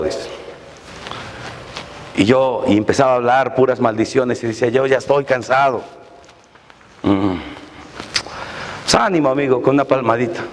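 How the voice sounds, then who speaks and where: A man in his forties, a pastor preaching a sermon with rising intensity and occasional shouts. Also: mid-range voice. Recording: echoey hall, faint noise.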